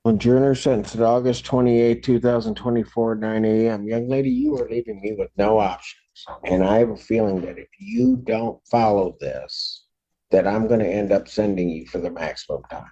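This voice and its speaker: A man's voice: on the low side, big pitch swings, moderate pace, gravelly, dark tone, dull audio. A man presiding as a judge, speaking sternly and scolding from the bench, heard through a played-back courtroom recording. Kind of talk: presiding over a court hearing.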